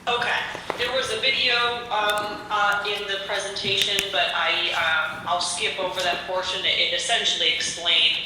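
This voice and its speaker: A woman's voice: medium pitch, steady tone, noisy background. Woman presenting over a speakerphone. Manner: halting, many "um" fillers. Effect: heard over a speakerphone in the meeting room. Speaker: remote presenter for a company. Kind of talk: business presentation. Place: remote location, heard through a room speaker. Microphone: phone on speakerphone. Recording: speakerphone played into an echoey meeting hall.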